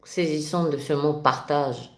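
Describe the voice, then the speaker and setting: A woman's voice: sits low, measured pace. A woman with a French regional accent, speaking passionately and spontaneously as the host of a spiritual live stream, with frequent restarts. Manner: passionate, animated, with many restarts. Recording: echoey room.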